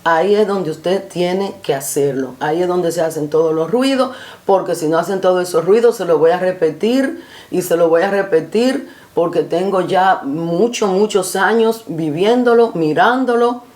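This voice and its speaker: A woman's voice: lowish voice, normal speed, a little mellow, reverberant. A woman giving an earnest spoken reflection like a sermon, using repetitive rhetorical phrasing and addressing the listener formally. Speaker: preacher.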